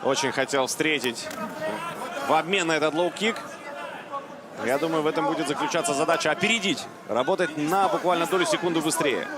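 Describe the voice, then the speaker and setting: A man's voice: on the high side, fairly quick. A man giving analytical live commentary as co-commentator on a mixed martial arts fight. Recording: very loud crowd and music behind. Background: roaring crowd and arena music.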